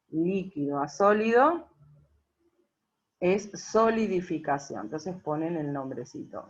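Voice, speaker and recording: Teacher woman with a lo-fi sound. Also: fairly low pitch. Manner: patient, checks in with frequent "¿sí?". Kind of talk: recorded class explanation. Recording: dull lo-fi recording.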